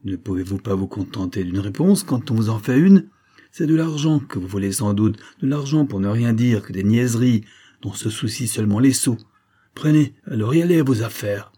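A man playing a proud, quick-tempered baronet who barks angry commands, in an audiobook reading. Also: mid-range voice, warm tone, slightly rough, pitched above the performer's own voice, natural voice. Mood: furious.

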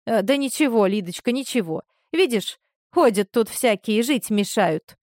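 A woman's voice: on the high side, animated, normal speed, a little mellow, dry recording, studio quality, close to an everyday voice. A woman reading a scornful older woman. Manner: scornful, mocking. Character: hostile older woman neighbor.

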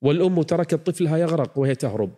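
Dramatic preacher, echoing hall. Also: male voice, on the high side, expressive, very fast. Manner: dramatic, swings from hushed to near-shouted pleading. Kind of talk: dramatic religious storytelling. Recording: long hall reverb.

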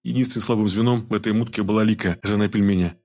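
A man narrating a gritty audiobook in a steady storytelling voice with street slang. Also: on the low side, fast. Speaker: audiobook reader. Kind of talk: scripted narration.

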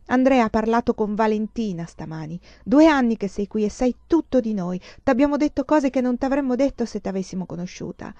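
A woman's voice: medium pitch, moderate pace, dark tone, no room sound, natural voice. A woman playing an angry young woman spitting accusations in an audiobook, hissing and choked, dull dry recording. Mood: furious. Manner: hissing, stifled and bitter. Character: furious young woman accusing a roommate of lying.

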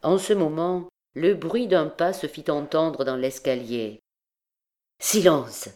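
A woman narrating a classic novel as an audiobook, calm and measured. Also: low voice.

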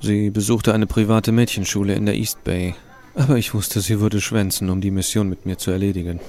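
A man plays a geeky, cheeky teen telling his tale in lively, colloquial first-person audio drama narration. The voice is lowish and a little fast, lightly acted, with a wry, animated feel.

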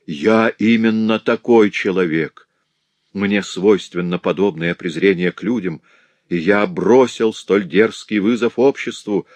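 Guy doing creepy old notary villain, deep, dry sound, proud and wild. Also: fairly even intonation, unhurried, no room sound. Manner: proud, frenzied.

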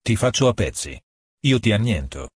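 A man voicing a furious male police investigator who shouts and rants in an audiobook reading. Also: fairly low pitch, very animated, normal speed, breathy edge, no echo, studio quality, exaggerated voice. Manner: shouting, ranting.

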